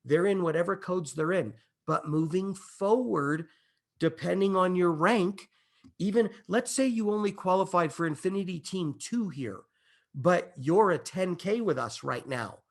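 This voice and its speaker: A man pitching a business opportunity, his voice sitting high for a man with a gravelly, creaky edge. He talks in an emphatic, excitable way, building hype and checking in with his listeners again and again. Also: a little slow. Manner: repeats "okay?" and "imagine this" to the audience. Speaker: company presenter.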